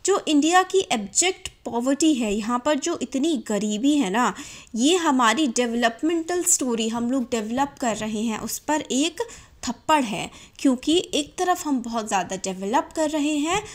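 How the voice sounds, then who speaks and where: A woman teaching English words, moving at an unhurried pace. Her fairly high voice rises and falls a great deal as she spells words out and stretches example sentences word by word. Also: lively intonation. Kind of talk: vocabulary lesson, slow spelled-out pronunciation.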